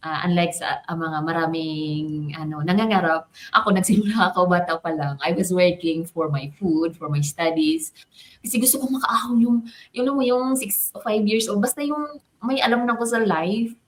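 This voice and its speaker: A woman, a business coach, telling her personal story in a casual, animated way and mixing in English and Japanese phrases. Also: fairly low pitch, moderate pace. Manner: animated, switching between Tagalog, English and Japanese.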